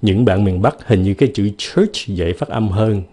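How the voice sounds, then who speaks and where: A man giving a casual video lesson on pronunciation, repeating example words slowly and exaggerating the sounds. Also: lowish voice, lively intonation, dark tone, breathy edge. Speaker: English pronunciation teacher.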